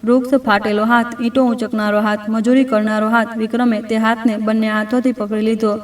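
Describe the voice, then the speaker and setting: A woman storyteller reads scripted narration in short, even phrases. Her voice is high and keeps a flat, steady line. The mic sits at a distance in a roomy space. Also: brisk.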